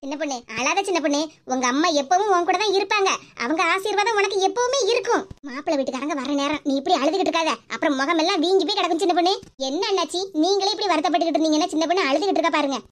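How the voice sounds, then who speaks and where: A woman voicing chatty, bossy middle-aged village neighbor women with a Tirunelveli Tamil accent, talking in fast, squeaky, teasing chatter. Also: expressive. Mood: consoling.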